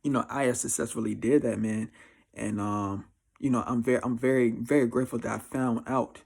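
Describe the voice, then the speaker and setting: This American vlogger, twenty-four, gives life advice in a casual monologue to camera with a confessional feel. His mid-range voice is darkish with vocal fry and a breathy edge, fairly even in intonation and a little fast. He's blunt, emphatic and slangy, often repeating himself.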